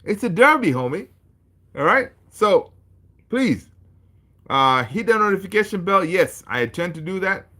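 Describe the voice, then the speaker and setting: A man's voice: high voice, sing-song, normal speed, long pauses, pushed and bright. A man from Tanzania hosting a casual football livestream, chatting with viewers in a laid-back, chummy way and reading their comments aloud. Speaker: football channel host.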